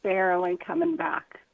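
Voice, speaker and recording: Gravelly-voiced woman caller on a phone line. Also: fairly low pitch, no echo. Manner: rambling, with many fillers. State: hoarse, recovering voice. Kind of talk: casual call-in chat.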